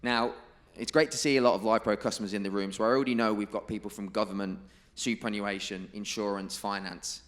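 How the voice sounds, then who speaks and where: A man giving a presentation to a live audience, emphatic and stressing key figures and quotes by repeating them slowly. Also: fairly low pitch, fairly even intonation, a bit bright. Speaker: conference presenter. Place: conference room.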